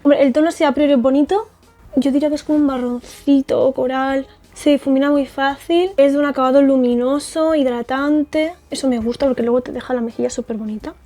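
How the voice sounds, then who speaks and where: Chatty high-voiced Spanish woman. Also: fairly even intonation, fairly quick, mellow. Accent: Spain Spanish. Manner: chatty and effusive, frequent fillers and tag questions. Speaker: makeup artist reviewing cosmetics. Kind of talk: casual beauty vlog, trying products on camera. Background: faint background music.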